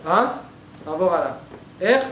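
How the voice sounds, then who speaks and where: Male teacher, high-pitched, lectures methodically and keeps checking in with students; roomy, echoey sound with faint noise behind. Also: big pitch swings, a bit bright. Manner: explains step by step, often checks with the class. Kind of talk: grammar class lecture. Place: synagogue hall.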